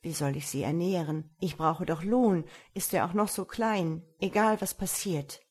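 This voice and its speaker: A woman's voice: on the low side, normal speed, a little mellow, breathy edge. A woman reading the lines of a poor, kind-hearted male woodcutter in a fairy tale, earnest and worried.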